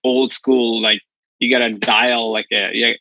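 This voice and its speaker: Casting a Bangladesh-raised man, forties, halting guest on a remote chat, dull dry sound. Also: medium pitch, flat delivery, no echo. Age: 40s. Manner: hesitant, halting with many fillers. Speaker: comedian guest. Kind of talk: casual chat.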